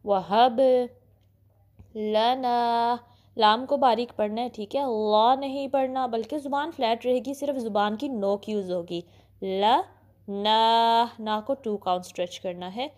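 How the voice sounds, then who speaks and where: एक महिला शिक्षिका, जो धैर्य से धीरे-धीरे तजवीद का उच्चारण सिखाती है और अक्षरों को बार-बार दोहराती है।. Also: female voice, a little high. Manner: patient, repeats syllables slowly, often says "okay". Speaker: Quran recitation teacher. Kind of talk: slow step-by-step pronunciation lesson.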